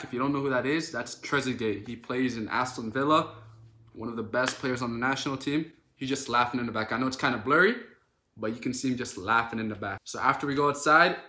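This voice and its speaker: Bright-voiced young man telling a storytime. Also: medium pitch, roomy sound. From Canada. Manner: animated, dramatic storytelling with lots of fillers. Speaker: social media creator. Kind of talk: storytime vlog.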